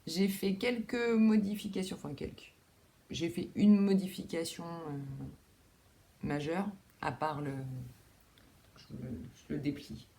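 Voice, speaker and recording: Warm and on the low side, this woman's voice moves at a measured pace with frequent pauses, over slight background noise. She's a young knitting video podcaster in a home room with a window, chatting casually, full of fillers, restarts and self-deprecating remarks.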